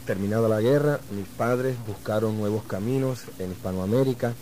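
A man from Uruguay, a guest musician answering interview questions in a reflective, measured way. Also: on the low side, warm tone, a little hiss or hum, poor audio.

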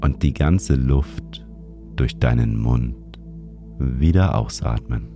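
A man narrating a sleep meditation like a bedtime story narrator, guiding the listener gently and soothingly. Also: very deep voice, slow pace. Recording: music behind the voice. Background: music.

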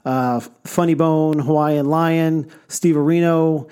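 A forty-year-old man, a music producer and guest, talking in a relaxed, plain way with frequent fillers. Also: on the high side, slow, clean tone. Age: 40s. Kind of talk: casual chat.

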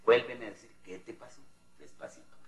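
An actor playing a gruff, impatient middle-aged man who keeps repeating himself, heard on an old TV recording with hiss. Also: on the low side, very animated, fairly quick, faint music behind. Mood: exasperated. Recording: roomy old TV sound with hiss.

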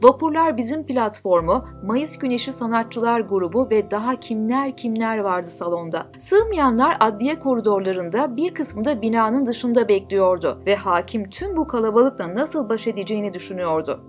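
A woman narrating a children's storybook in a calm, measured way. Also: a little high, faint music behind. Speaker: audiobook narrator.

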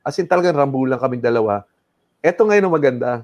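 A middle-aged man telling a story as an interview guest, animated and switching between Tagalog and English, acting out what people said. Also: medium pitch, fast talker, no room sound, muffled recording.

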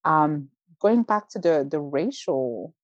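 Low-voiced woman. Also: expressive, dry recording, highs cut off. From Belgium. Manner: earnest, measured, frequent "like" fillers. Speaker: guest. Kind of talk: interview conversation.

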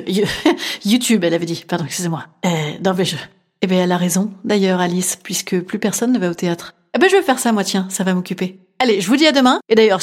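A woman comedian talks straight to camera in a comic monologue. She is lively and self-mocking, leaping in and out of silly mock performances. Her voice sits at a middle pitch for a woman.

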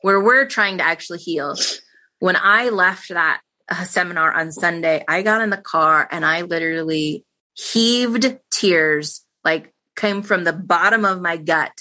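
A woman's voice: on the low side, a little slow, bright, forceful tone. A woman hosting an interview in an earnest, heartfelt way. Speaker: podcast host. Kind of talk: casual interview chat.

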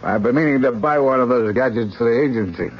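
A man's voice: mid-range voice, quick pace, lightly acted. A man playing a breezy, informal agency investigator in a radio drama. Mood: cheerful, casual. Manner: breezy, familiar. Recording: muffled old radio drama.

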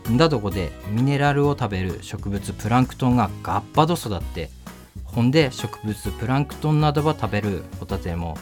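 A man's voice: mid-range voice, lively intonation, brisk, a little mellow, faint music behind. A man from Tsugaru with a thick Tsugaru dialect, a sales representative giving a promotional interview in a radio studio. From Tsugaru, Aomori.

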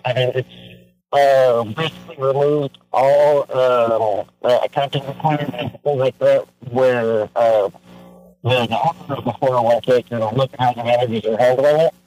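A man's voice: mid-range voice, steady tone, moderate pace, a little mellow. A man calling in to a political radio show, hesitant with many fillers, his phone line breaking up and cutting out. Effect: caller's phone line breaking up, cutting out. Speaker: caller.

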